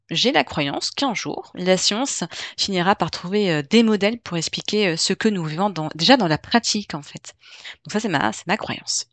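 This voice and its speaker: A woman hosting a solo podcast as a life coach, explaining calmly with frequent fillers, hesitations and self-corrections. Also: medium pitch, dry recording.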